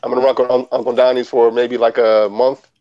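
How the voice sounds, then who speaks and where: A man's voice: mid-range voice, flat delivery, brisk, dull audio. A man in casual live stream chat, reading viewer questions, easygoing and hesitant.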